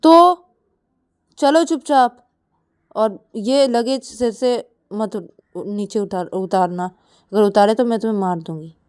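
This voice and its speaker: A woman's voice: mid-range voice, a little slow, mellow, smooth, dry recording, studio quality, lightly acted. A woman doing a teasing young woman.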